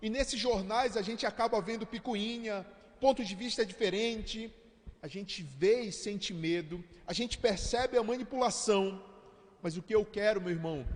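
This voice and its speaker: A man's voice: sits high, in a large hall. A man with a Brazilian Portuguese accent, preaching a sermon as pastor in a conversational way, speaking straight to his listeners.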